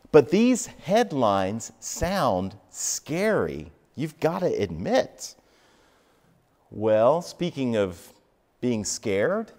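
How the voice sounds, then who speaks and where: Male pastor, sermon, slow delivery, expressive pitch, long reverb of a church hall. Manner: conversational, expressive storytelling preaching. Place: church sanctuary.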